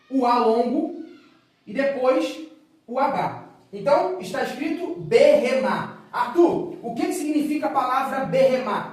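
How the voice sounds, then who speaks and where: A man's voice: very high voice, a little mellow. A man with a Brazilian Portuguese accent teaching a recorded biblical Hebrew lesson. He is patient, repeats words and keeps checking that students follow. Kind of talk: recorded online lesson at a whiteboard. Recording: very echoey room, voice from far off the mic.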